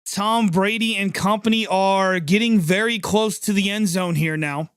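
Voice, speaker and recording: A man hosting a live sports reaction stream, calling the plays as they happen in an excitable, chatty way and reacting quickly to each one. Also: sits high, smooth, dry recording, clean studio sound. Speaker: livestream sports reaction host. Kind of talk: live play-by-play reaction commentary.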